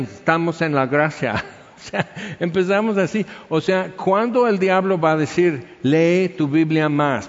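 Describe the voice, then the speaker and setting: Guy preaching a sermon, kinda high voice, muffled dull sound, big echo. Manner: animated storytelling, acting out little scenes. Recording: echoey hall, dull sound.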